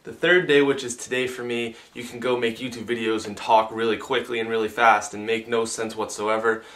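A man's voice: medium pitch, flat delivery, a little fast, fairly bright tone. Young man with a slight lisp after dental surgery. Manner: talks with mouth held half closed. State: sore mouth after wisdom teeth removal. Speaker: vlogger. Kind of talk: casual rambling vlog talk.

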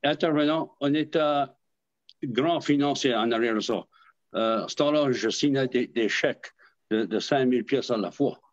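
A man's voice: medium pitch, normal speed, dull audio. A man from southwest Nova Scotia with an Acadian French accent, telling stories in a casual interview, often hesitating and repeating words. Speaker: interviewee, association representative.

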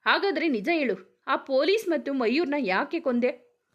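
A woman's voice: sits high, expressive, moderate pace, a bit bright, muffled recording. Woman voicing a tough, threatening police officer. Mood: stern. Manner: commanding, threatening interrogation. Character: tough, sharp-tongued male police officer.

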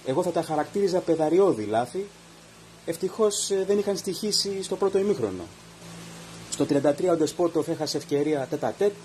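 A podcast host gives an opinionated post-match monologue on a football game, reading out events minute by minute. His voice is a little high and warm, with slight background noise.

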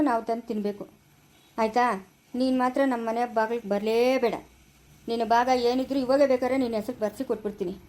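A woman's voice: fairly high pitch, a little mellow, slight background noise, close to an everyday voice, rough recording. A woman playing a stern older village father who turns his son away, speaking bluntly in a Chikkaballapura Kannada accent, in an amateur family drama. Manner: blunt, scolding, repetitive.

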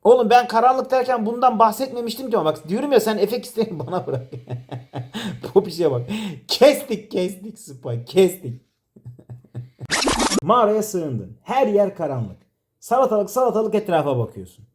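Playful director guy, lively swooping voice, teasing, keeps cracking up. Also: sits high, moderate pace. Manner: teasing, exasperated, laughs often. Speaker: director of a comedy sketch.

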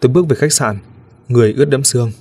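A man reading a ghost story aloud as narrator, in a measured, steady storytelling manner. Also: medium pitch, breathy edge.

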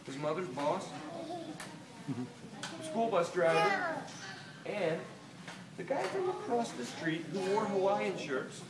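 A middle-aged American children's author from Delaware, whose voice sits high, reads a picture book aloud to kids in a small indoor toy shop. He reads expressively, pausing deliberately and asking his listeners questions. A camera a few meters away picks him up distantly, so the sound is roomy with loud room noise.

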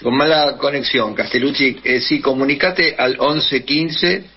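Husky Argentine man on a bad connection. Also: mid-range voice. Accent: Argentine Spanish. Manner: halting, with many restarts and fillers. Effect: bad connection, lo-fi call line. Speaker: radio co-host. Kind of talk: radio talk show questions. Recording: muffled bad-connection line, distant.

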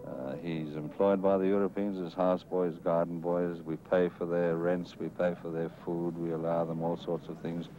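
A man interviewed for a 1970s newsreel, making flat, matter-of-fact statements, heard as old newsreel film sound. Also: sits low, moderate pace, hardly any pauses. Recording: dull 1970s newsreel film audio with music.

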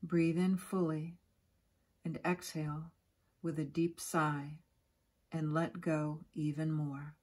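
Here a woman's low, flat delivery carries a yoga nidra session; her voice is soft, breathy and calming. Gentle instructions are spaced out by long pauses throughout the guided relaxation.

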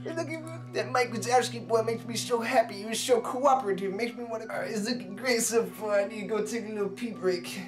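A cranky, ditzy portrait photographer, played by a woman for a school comedy sketch, whining and exclaiming about her customers in a high, piping voice. She is heard from a distance in a roomy, echoing space. Music plays behind her. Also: a little fast, hardly any pauses, lightly acted. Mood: exasperated. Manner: whiny, keeps exclaiming "oh my God". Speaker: sketch actor.

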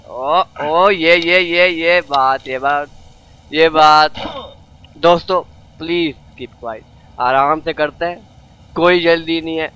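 A man giving excited let's-play commentary, coaxing and yelling at his game character, his throat dry from shouting. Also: sits high, slight background noise, low-quality recording. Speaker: gaming video host.

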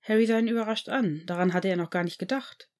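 A woman narrating a fan-made audiobook. She reads in an even, steady way at a mid pitch. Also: fast talker. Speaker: audiobook reader. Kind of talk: storybook narration.

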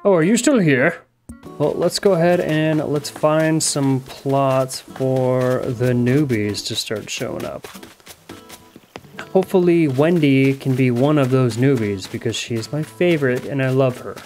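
A man's voice: medium pitch, expressive, a little slow, darkish tone, poor audio. A young man giving jokey, crude commentary while he plays a game and talks back to its characters. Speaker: gaming YouTuber. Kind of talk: casual gameplay commentary. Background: game music.

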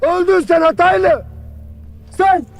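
An actor playing a stern army captain who berates his soldiers with harsh scolding and sudden shouts. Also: extremely high pitch, slow pace, gravelly, full character voice. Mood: berating. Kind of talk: film drama acting.

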